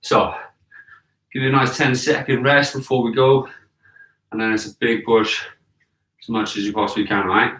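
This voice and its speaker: A man's voice: medium pitch, flat delivery, moderate pace, long pauses, a bit bright. A man in his thirties giving casual, encouraging workout instruction, often checking in, recorded in a living room from a few metres away. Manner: encouraging, checks in with "okay?" and "all right?". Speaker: fitness coach leading a home workout. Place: living room with wooden floor, indoors. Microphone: camera a few metres away. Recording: echoey room, distant from the mic.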